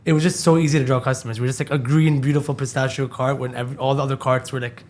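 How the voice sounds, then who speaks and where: Guy from dubai talking fast on a podcast, candid and loose, drops swears casually. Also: mid-range voice, steady tone, a little mellow. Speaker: podcast guest, company co-founder.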